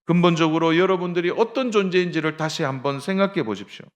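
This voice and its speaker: A man's voice: a little high, fast. A middle-aged male pastor giving a Sunday sermon, telling a story with acted dialogue and addressing the congregation directly.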